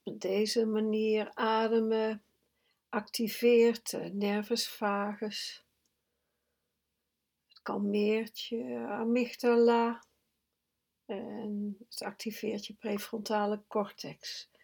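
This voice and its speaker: A woman guiding a breathing meditation, with slow, soft, calm instructions that at times sink to a whisper. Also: mid-range voice, creaky. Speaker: meditation guide.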